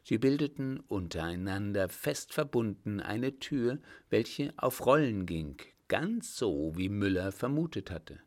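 A man calmly narrating an audiobook in a measured way. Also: on the low side.

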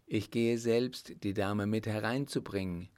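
Male reader doing a slow, reverent poor widow, voice raised a little. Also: lowish voice, fairly even intonation, darkish tone, close to an everyday voice. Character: anxious poor widow, humble and devout.

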